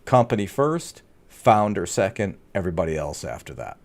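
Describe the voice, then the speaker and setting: A man's voice: deep voice, moderate pace. A man co-hosting a business podcast, talking casually and slipping into playful put-on as he explains his points. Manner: animated, slips into playful put-on accents. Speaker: podcast co-host, agency owner.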